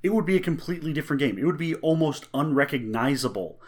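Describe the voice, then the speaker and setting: A man with a somewhat higher voice talking enthusiastically through a list of tabletop games. His delivery is casual and chatty, with a few stumbles. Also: expressive, quick pace. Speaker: co-host. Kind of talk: casual board game discussion.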